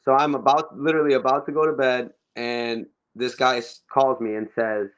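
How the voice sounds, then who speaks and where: A man's voice: mid-range voice, level tone, normal speed, smooth, rough recording. A young man, a professional soccer forward, casually recounting his career in a laid-back way during an interview.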